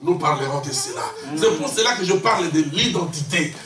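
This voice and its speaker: A man from Congo preaching an impassioned sermon in French, shouting and calling out questions to the congregation. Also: fairly high pitch, animated, brisk, crowd noise. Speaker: visiting preacher. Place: church hall. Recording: echoey church hall, distant mic, congregation responding. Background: congregation responses.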